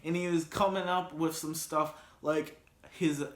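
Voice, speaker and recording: Slow, rambling man vlogging in an echoey room. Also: a little high, fairly even intonation, a bit bright. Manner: rambling, with frequent restarts. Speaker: vlog host. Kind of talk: casual sports and reality-show commentary. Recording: roomy echo.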